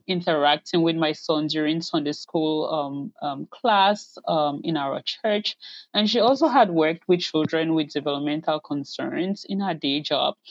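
Low-voiced soft-spoken woman from Cameroon. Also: no room sound, highs cut off. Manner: soft-spoken, hesitant with many ums. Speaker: guest parent advocate. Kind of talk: interview answers, personal story.

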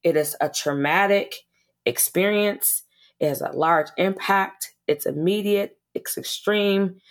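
A woman with a fairly low voice speaks as a guest on a podcast interview. She talks earnestly about her work as an educator, often stumbling and restarting her sentences. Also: takes it slowly. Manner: earnest, passionate, with frequent restarts and repeated words.

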